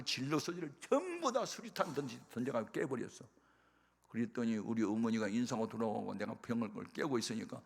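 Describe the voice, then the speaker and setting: A Korean pastor telling a story in a sermon, acting out voices and dialogue with dramatic shifts. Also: male voice, mid-range voice, gravelly. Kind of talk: sermon testimony. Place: church sanctuary. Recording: hall reverb.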